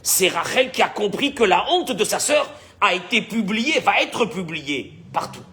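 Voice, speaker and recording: This rabbi's voice is high for a man, and he takes his time. Giving a Torah class on the weekly portion, he performs the dialogue with animation, repeats his words, and keeps quizzing the audience.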